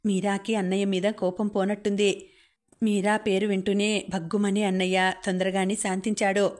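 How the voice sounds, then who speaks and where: A woman reading a novel aloud as an audiobook narrator, in a calm, even storytelling manner. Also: mid-range voice, normal speed. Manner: calm, even storytelling, quoting characters without acting them.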